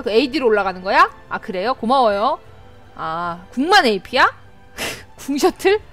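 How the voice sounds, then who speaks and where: A young woman streaming a game live, chatting with viewers and her team in an excitable, talkative way. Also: high-pitched.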